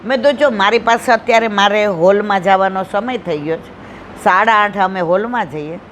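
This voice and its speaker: A woman speaks in a devotional satsang, telling a story and voicing its people herself. She stresses key lines with slow, repeated phrases, and a faint noise hums behind her voice. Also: mid-range voice. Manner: acts out dialogue in storytelling, slow emphatic repetitions.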